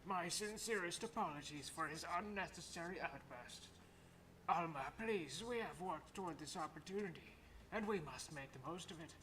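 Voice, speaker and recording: A man's voice: on the high side, normal speed, bright, forceful tone, slight background noise, poor audio. A man voicing a bent old man, a formal and courteous elder, while reading game dialogue aloud with stately, old-fashioned speech.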